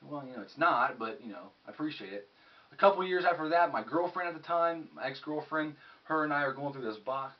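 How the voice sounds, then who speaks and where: A man's voice: on the high side, animated, a little fast. A young man giving a casual, rambling tour of his game room, cracking jokes with mock-serious asides while someone films him. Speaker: YouTube vlogger. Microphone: camera held by someone filming. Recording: muffled audio from a distant camera.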